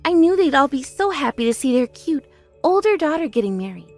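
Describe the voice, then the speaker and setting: Haughty older sister, thirties, vain and spiteful, very high-pitched played by a woman, for a scripted story drama. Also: very animated, fairly quick, a little mellow, soft background music. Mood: smug. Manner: haughty, taunting, self-praising. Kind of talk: scripted audio story dialogue.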